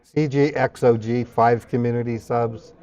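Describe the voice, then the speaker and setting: A man's voice: medium pitch, steady tone, unhurried, a little mellow. A man hosting a livestream in subathon hype style, reading out donations and thanking viewers, with casual exclamations of appreciation between names and numbers. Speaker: livestream host.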